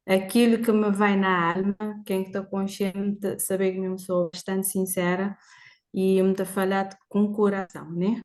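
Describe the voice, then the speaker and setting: A woman's voice: medium pitch, a little mellow. Cheerful woman guest. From Portugal and Cape Verde. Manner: cheerful, spontaneous, rambling with many fillers. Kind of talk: live conversation.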